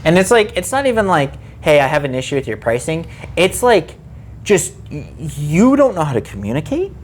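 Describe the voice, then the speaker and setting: A man co-hosting a casual podcast, ranting in an exasperated, animated way. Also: on the high side, normal speed. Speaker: card shop co-host.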